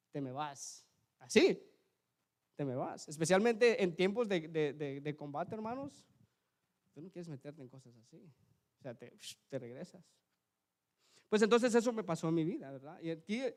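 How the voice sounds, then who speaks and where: A man preaching a sermon in a church, telling a personal story in a conversational way, often asking the brethren to agree and swinging from loud emphasis to quiet asides. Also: sits high. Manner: conversational, keeps asking ¿verdad? and addressing the brethren.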